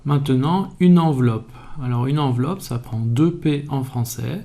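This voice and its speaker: A man calmly explaining spelling in a video lesson, methodical and even. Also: mid-range voice, moderate pace, slight background noise. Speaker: French language teacher.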